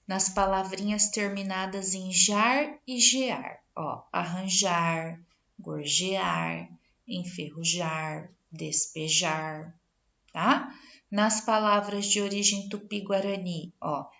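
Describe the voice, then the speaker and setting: On a muffled recording, a Brazilian woman teaches spelling, reading word lists and checking on her students as she goes. Her Brazilian Portuguese-accented voice is fairly low, bright, and forceful, and she takes things slowly.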